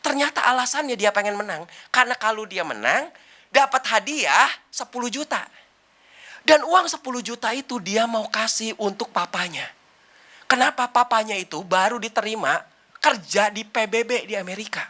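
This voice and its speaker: A woman's voice: on the high side, animated, normal speed, bright, forceful tone. A woman preaching a sermon and telling a personal testimony, acting out the people in her story. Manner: addresses listeners as brothers and sisters.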